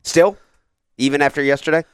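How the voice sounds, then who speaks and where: A man's voice: a little high, fairly even intonation, brisk, smooth, no echo. Male sports radio host, casual and teasing, dry close studio mic. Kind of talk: sports talk radio hosting.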